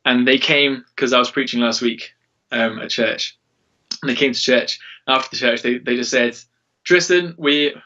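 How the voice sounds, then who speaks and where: Bright-voiced man, distant dull recording. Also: medium pitch, level tone, normal speed. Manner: earnest, informal. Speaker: church worship leader. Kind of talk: casual interview talk.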